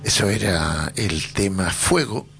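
A man hosting a casual radio interview in a studio. He talks in a relaxed, hesitant way and often repeats words. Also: low-pitched, slow pace, gravelly, faint music behind. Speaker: radio host. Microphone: studio microphone.

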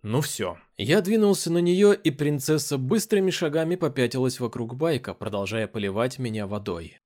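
A man narrating an audiobook in the first person. His reading is expressive, and he slips into dialogue with a playful, teasing tone. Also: medium pitch, normal speed.

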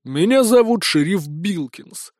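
A man's voice: high-pitched, expressive, measured pace, darkish tone, no room sound, studio quality. A man voicing a big, cold sheriff who barks threats. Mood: menacing. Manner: barking, threatening. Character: cold gruff male sheriff, big and menacing.

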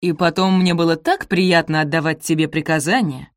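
Audiobook villain: icy, scornful middle-aged stepmother voiced by a woman, low and commanding, dry studio sound. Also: fairly even intonation, normal speed, no echo, natural voice. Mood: cold, scornful. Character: cold, cruel middle-aged stepmother, hissing and contemptuous.

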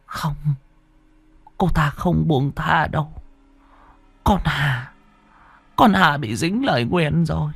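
A man voicing an old grandmother who speaks urgently and pleads with drawn-out words. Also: a little high, lively intonation, gravelly, a bit bright, husky, dry recording, pitched above the performer's own voice, heavily acted. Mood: fearful. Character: frightened, stern old grandmother.

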